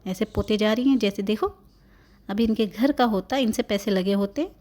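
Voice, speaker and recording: Sassy baby-girl narrator played by a woman, warm mid-pitched voice, playful and teasing. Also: normal speed, lightly acted. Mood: cheeky. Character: sassy newborn baby girl, cheeky and complaining. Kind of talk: voice-over narration of a family vlog.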